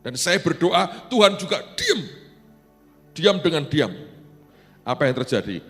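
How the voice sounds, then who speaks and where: A middle-aged man preaching a sermon, animated and swinging from loud exclaiming to hushed asides. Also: on the high side, a little slow. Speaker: pastor. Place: church hall. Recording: long hall reverb with faint music behind.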